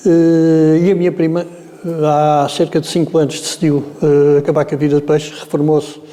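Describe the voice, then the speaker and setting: A man's voice: on the high side, flat delivery, moderate pace, warm tone, in a large hall. A man in his seventies with a Lisbon-area Portuguese accent, telling family history in a meandering, hesitant way full of filler sounds. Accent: European Portuguese, Lisbon area. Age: 70s. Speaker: interviewee. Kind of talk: oral history storytelling.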